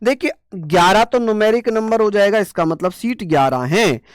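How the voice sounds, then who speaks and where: A man's voice: high voice, animated, moderate pace, no room sound, clean studio sound. A male teacher giving an exam-prep lecture. He quizzes students with call-and-response questions, chants memory tricks by repeating words, and teases the class playfully.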